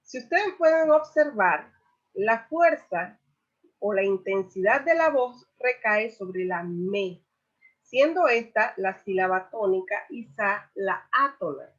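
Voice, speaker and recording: Slow-paced woman teaching a lesson. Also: medium pitch, lively intonation. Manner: stresses example words loudly and repeats them. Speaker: Spanish teacher. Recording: dull lo-fi recording.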